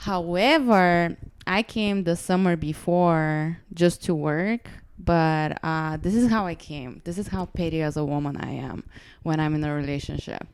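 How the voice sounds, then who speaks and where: A woman's voice: deep voice, unhurried, clear, resonant tone. A woman in her twenties from Bulgaria, speaking with a Bulgarian accent as a podcast guest, telling stories casually and informally, acting out the dialogue and swearing freely. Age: 20s. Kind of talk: casual conversational storytelling.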